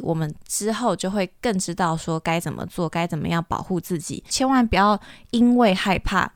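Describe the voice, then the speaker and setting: A woman's voice: lowish voice, dry recording, clean studio sound. Chatty young woman storyteller. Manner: candid, chatty, earnest. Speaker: podcast host. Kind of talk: personal storytelling podcast.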